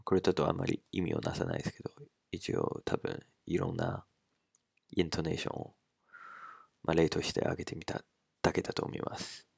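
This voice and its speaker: A man with a very low, gravelly voice gives a language lesson in an easy spoken manner. He goes slowly, stretching out each syllable as he drills the sounds. The recording is dry and close. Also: very animated, dry recording. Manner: slow, careful, drawn-out pronunciation drills. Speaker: language teacher.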